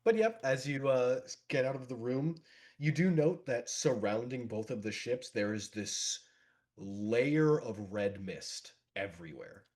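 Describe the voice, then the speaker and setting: A man's voice: mid-range voice, animated, unhurried, darkish tone. A man narrating a tabletop game as game master, describing scenes with frequent fillers and restarts.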